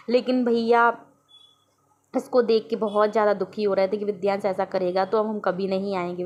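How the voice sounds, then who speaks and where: A woman's voice: medium pitch, gravelly, a little hiss or hum. A woman and mother narrating her family's day in a casual, chatty vlog voice-over. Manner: chatty, storytelling about family life.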